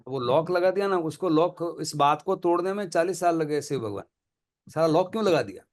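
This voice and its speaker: A man with a noticeably high voice leads a relaxed spiritual talk. He speaks earnestly and plainly, circling back on phrases to drive his point home, with a chuckle between points. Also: brisk. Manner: earnest, colloquial, repeats phrases for emphasis. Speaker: spiritual teacher in conversation. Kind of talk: casual spiritual discussion.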